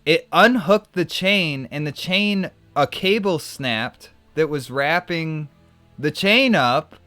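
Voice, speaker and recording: Over soft background music, with no echo, a man with a voice on the high side speaks slowly while live-streaming a game. Chatting casually, he rambles through a story in an animated way, restarting often and saying "like" a lot.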